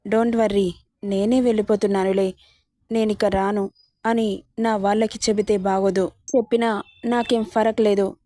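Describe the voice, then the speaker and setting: A woman's voice: mid-range voice, little pitch movement, unhurried, pauses often, dark tone, no echo, clean studio sound, close to an everyday voice. A woman voicing a stern young man who coldly brushes someone off. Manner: curt, serious farewell.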